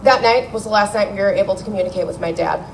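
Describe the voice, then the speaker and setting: At a celebration of life, a young woman delivers a eulogy for her parent, speaking fast at medium pitch into a handheld mic with faint background noise. She reads it aloud sincerely and heartfelt, mixing in wry storytelling asides.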